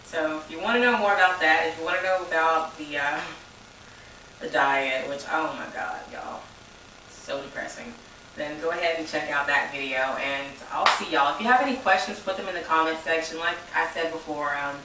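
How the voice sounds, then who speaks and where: A woman's voice: sits low, normal speed, distant mic, background noise. A woman, rambling in a casual personal vlog. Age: 20s. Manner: rambling, informal, says y'all. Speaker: vlogger. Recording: echoey room, voice a bit off mic.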